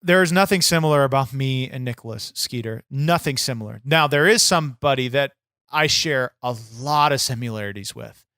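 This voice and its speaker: In improvised comedy podcast talk, a man embodies a foul-mouthed, boastful wrestler, bitter and easily riled. His medium-pitched voice comes across pushed and bright at a moderate pace, recorded at studio quality with no room sound.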